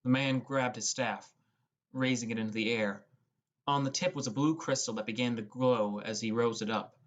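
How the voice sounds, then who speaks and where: An audiobook narrator reads a scripted fantasy adventure told in the first person. The voice is medium-pitched, with a steady tone and a normal speed.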